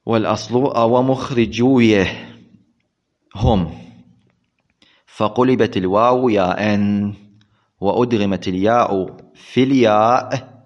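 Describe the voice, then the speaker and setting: A man teaching Arabic grammar in a classroom lesson. He asks questions and answers them himself, and repeats the key words. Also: mid-range voice. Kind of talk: classroom lesson explaining a text. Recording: dull lo-fi recording.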